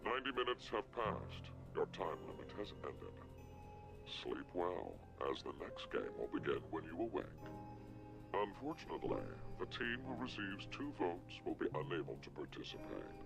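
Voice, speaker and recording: A man playing a masked mastermind villain in a video game, speaking with slow, theatrical, ceremonious menace. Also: low-pitched, sing-song, gravelly, over music, heavily acted. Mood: cold, commanding.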